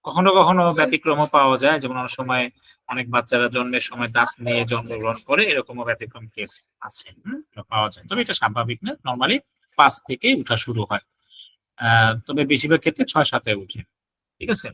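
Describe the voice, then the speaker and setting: Bright-voiced man lecturing in Bengali. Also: medium pitch, lively intonation, no room sound, rough recording. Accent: Bangladeshi Bengali. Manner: reads English lines slowly then explains. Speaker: homeopathy lecturer. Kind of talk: classroom lecture mixing English terms. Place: homeopathy clinic in Dhaka.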